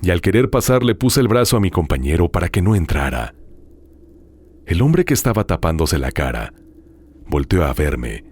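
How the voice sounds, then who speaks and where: Deep husky man narrating horror. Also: big pitch swings. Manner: dramatic, hushed storytelling with drawn-out pauses. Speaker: host reading listener horror stories.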